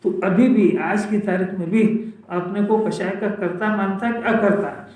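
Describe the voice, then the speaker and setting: A man delivers a scripture discourse in a conversational teaching manner, pressing his listeners with one rhetorical question after another. His voice sits high for a man. He is picked up from a distance, with heavy room echo around him. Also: measured pace, darkish tone. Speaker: Jain scholar giving a discourse. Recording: echoey hall, speaker far from mic.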